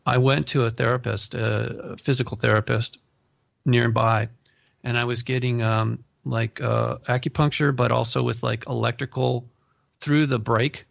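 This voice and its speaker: A man hosting an interview, telling animated personal stories and laughing often as he talks. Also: medium pitch, measured pace, vocal fry, no room sound, muffled recording. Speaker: podcast host. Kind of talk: casual interview storytelling.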